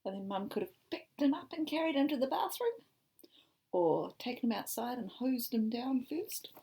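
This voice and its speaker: A woman's voice: a little high, animated, normal speed, breathy edge. A woman, an ESOL teacher reading a picture book aloud and asking her students questions about it. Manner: warm questioning, asks the class about the pictures.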